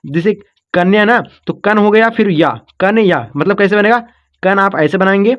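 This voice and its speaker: In a lo-fi recording, a man with a high-pitched, slightly bright voice leads an online spelling class at a moderate pace. He patiently breaks words into syllables and repeats himself often. He checks in with "okay" and calls his listeners "kids" and "brother."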